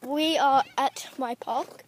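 High-pitched teen girl, slow teasing outdoor vlog, noisy phone recording. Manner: teasing, giggly, breaks into shrieks. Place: outdoors in a park and street.

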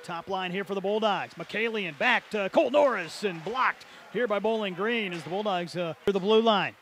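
A man calls hockey play-by-play from an arena with a high, lifted voice. He rattles off names and passes at speed and bursts out when a goal goes in, with faint noise under the mic. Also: a bit bright. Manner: rapid play-calling, erupts on goals. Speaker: play-by-play announcer. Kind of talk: play-by-play sports commentary.

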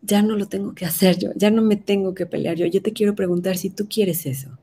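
A woman's voice: medium pitch, fairly even intonation, brisk, warm tone, slight background noise. A woman, telling a personal story as a parenting educator in a conversational way that often checks in with the listener. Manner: conversational, asks listeners for agreement.

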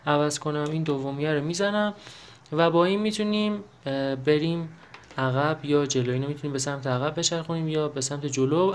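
A man teaching how to use an electronic keyboard in a casual step-by-step tutorial, pausing with fillers and correcting himself as he presses buttons. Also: a little high, a little hiss or hum. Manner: explains while pressing buttons, with many fillers and self-corrections.

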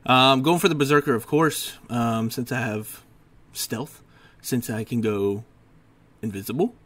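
A man talks over his gameplay footage in a loose, rambling voiceover at mid pitch. He sounds tired and keeps yawning. He often mocks his own mistakes and fills gaps with ums and uhs. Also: measured pace, fairly bright tone. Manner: rambling, self-deprecating, with many ums. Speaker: gaming YouTuber. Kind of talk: casual gameplay voiceover commentary. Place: at a desk at home.

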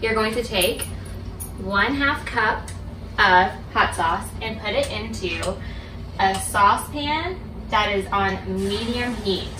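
A young woman giving a step-by-step cooking demonstration in her home kitchen, explaining each step clearly to the viewer. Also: medium pitch, slow, distant mic, music in the background. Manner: clear, instructive, addresses viewer directly. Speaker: cooking instructor. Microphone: camera across the kitchen. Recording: echoey kitchen, voice from off-mic, household noise.

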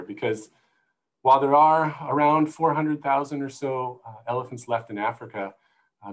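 Here a middle-aged American man, working as a zoo conservation manager, acts as guest expert and gives an informal slide presentation over a video call. He uses an earphone headset in an indoor room; his voice is mid-range and the recording is rough.

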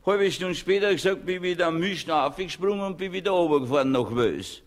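Upper austrian guy telling jokes, bit higher voice, stumbles and restarts, chuckles at his own gags. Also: lively intonation, fast. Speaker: comedian. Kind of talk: dialect joke storytelling on a comedy record.

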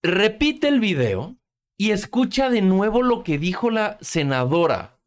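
A man's voice: high voice, sing-song, a little slow. A man with a Mexican Spanish accent hosting sarcastic political commentary, crude and mocking, full of slang and swearing. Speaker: host.

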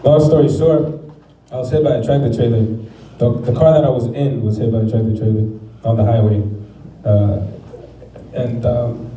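Soft-spoken man telling his story, roomy echo. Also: medium pitch, steady tone. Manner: halting, reflective, many fillers. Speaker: testimony speaker. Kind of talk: personal faith testimony. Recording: echoey room, mic at a distance, faint background noise.

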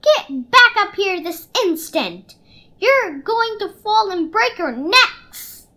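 A shrill, bright mother bird from a storybook scolds her chicks at full volume, as a woman reading aloud puts her on. She is strict and protective, laying down the house rules in a high voice that rises even above the reader's already high tone. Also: slow, heavily acted. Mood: alarmed scolding. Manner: loud, scolding, high-pitched.

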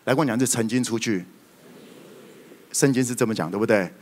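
A man preaching a sermon, telling stories in a lively way with sudden loud outbursts. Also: mid-range voice, a little fast. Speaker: pastor. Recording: reverberant hall.

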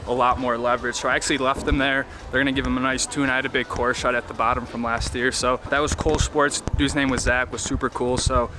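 A man's voice: mid-range voice, flat delivery, fast, hardly any pauses, noisy background. Laid-back young man vlogging on the slopes. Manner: easygoing, rambling with many likes and restarts. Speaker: ski vlogger. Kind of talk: casual vlog talk to camera. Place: outdoors on ski slopes and in a parking lot. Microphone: action camera on helmet or handheld.

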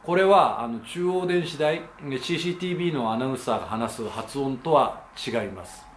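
This man hosts his own channel, giving a casual explainer to camera in a polite, easygoing way full of hesitation fillers. He speaks at normal speed with a medium pitch and lively intonation. The room is echoey, with faint ambience and slight background noise.

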